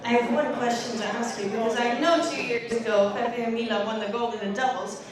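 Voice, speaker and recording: Female ceremony host, high and upbeat, jokey, fumbles names; distant mic, big echoey hall. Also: fairly even intonation, fairly quick. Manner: upbeat, jokey, stumbles over foreign names. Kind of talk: announcing teams at a live ceremony. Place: large indoor bowling hall. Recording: echoey hall from far off, loud crowd.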